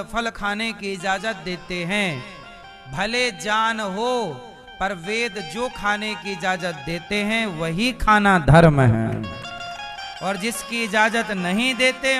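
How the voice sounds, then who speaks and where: High-voiced preacher, slow, music behind. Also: male voice. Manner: questions the audience then answers, emphatic. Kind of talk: sermon.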